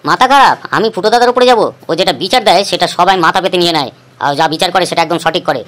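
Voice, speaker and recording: A woman's voice: fairly low pitch, rapid-fire, fairly bright tone, lightly acted. A woman voicing a cautious older man from the village in a cartoon, waving off a plea. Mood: wary. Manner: dismissive, wary. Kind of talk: cartoon voice acting.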